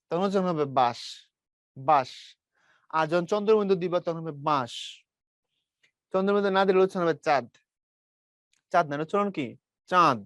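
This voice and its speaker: A man's voice: high voice, dry recording. A young adult man from Bangladesh with a Brahmanbaria-tinged Bengali accent, teaching an online class and modeling sounds aloud step by step. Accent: Bangladeshi Bengali, Brahmanbaria region. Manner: explains step by step, calls students brother, models sounds aloud.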